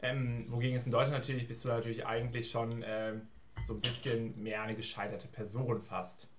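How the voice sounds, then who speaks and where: Fast-talking male podcast host. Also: medium pitch, flat delivery, noisy background. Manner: asks long, stacked questions. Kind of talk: casual interview questions.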